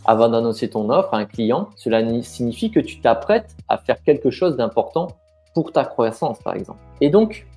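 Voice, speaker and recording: Guy doing a coaching vid, warm relaxed voice, chatty and encouraging, talks right to you, little bit of music under it. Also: mid-range voice, moderate pace. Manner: informal and encouraging, uses filler words and restarts sentences. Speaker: business mindset coach. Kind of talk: coaching video talking straight to the viewer.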